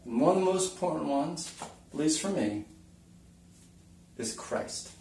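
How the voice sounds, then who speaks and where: A man's voice: on the high side, lively intonation, measured pace, darkish tone, a little hiss or hum. A man giving a casual whiteboard lesson, chatty and folksy, asking the viewer questions as he goes. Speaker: teacher. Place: room with the camera taped to the wall. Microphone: camera mic from across the room. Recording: roomy echo, distant camera mic.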